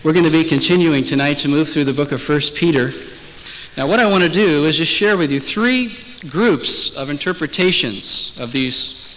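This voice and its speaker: Guy preaching a sermon, kinda high voice, echoey church, faint hiss on the tape. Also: a bit bright. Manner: storytelling, humorous. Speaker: pastor. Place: church in Hong Kong.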